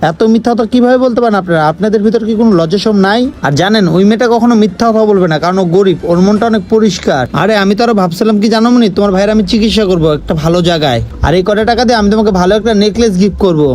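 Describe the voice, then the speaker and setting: A man's voice: sits high, very fast, hardly any pauses, a little mellow, soft background music, natural voice. A man playing a young man fooled by a greedy girlfriend, pleading and then indignant. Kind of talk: amateur comedy skit acting.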